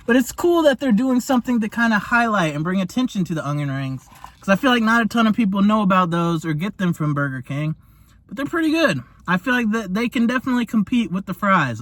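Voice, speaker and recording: Young male food vlogger, high-pitched, excitable and slangy, chatting between bites. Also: dry recording. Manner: talks while eating. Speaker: food reviewer. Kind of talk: casual taste-test vlog.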